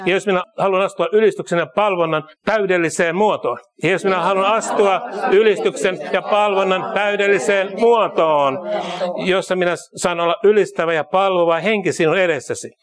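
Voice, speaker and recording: A man's voice: sits high, fairly even intonation, crowd noise. A man leading a charismatic prayer, saying each line twice and breaking into bursts of speaking in tongues. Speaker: prayer leader.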